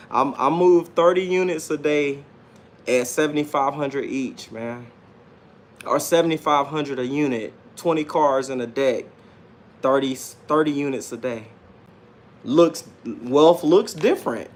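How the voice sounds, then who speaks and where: Some faint hiss or hum sits under this mid-range male voice. The speaker, a livestream host in his late thirties who self-publishes books, rambles off the cuff with swagger and slang, repeating himself and often calling people "man."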